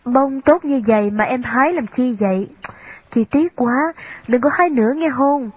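A woman voicing a gentle young woman, a kind older sister, speaking with soft, tender pleading in a storybook. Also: high voice, normal speed, voice pushed up. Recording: slightly dull lo-fi recording.

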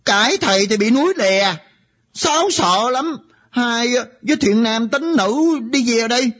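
A woman playing a fussy spirit medium who babbles and repeats words rapidly. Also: on the high side, animated. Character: fussy middle-aged female spirit medium. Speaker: spirit medium in a comedy skit. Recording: muffled lo-fi with loud music.

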